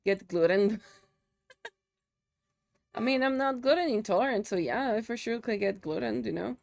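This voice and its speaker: Her fairly high, gravelly voice has a darkish tone and moves at a moderate pace, with no echo. She's a young woman, Spanish her first language, working on a live stream while chatting casually, thanking viewers and muttering to herself.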